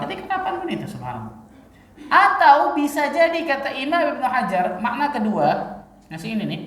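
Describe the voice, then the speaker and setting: A man's voice: high voice, a bit bright. Male preacher, casual asides and rhetorical questions, echoey mosque sound with faint hiss behind. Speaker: Islamic preacher. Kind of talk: sermon. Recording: echoey hall, mic far off.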